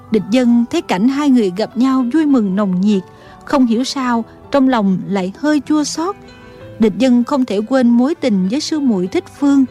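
A woman narrating an audiobook in an even storytelling manner. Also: on the high side.

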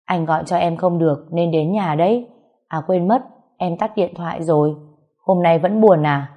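A woman voicing a gentle young man, the narrator's boss and lover, speaking softly in an audio story. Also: on the low side, normal speed, highs cut off, natural voice. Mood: tender.

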